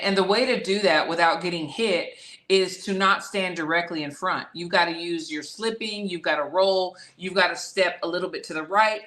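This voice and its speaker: A woman's voice: lowish voice, a bit bright, reverberant. A woman who trains boxers, analyzing a matchup in casual chat and driving her points home by repeating them. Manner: emphatic, repeats key phrases. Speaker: boxing trainer and guest analyst.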